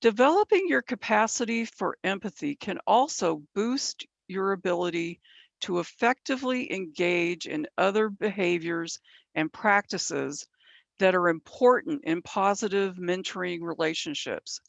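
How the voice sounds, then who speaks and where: Speaking in a fairly low, creaky voice, this San Bernardino County woman presents mentoring training in an animated but unhurried way, explaining each step and tossing in frequent "right?" check-ins. She is losing her voice, which is slightly worn. The recording is dry and dull.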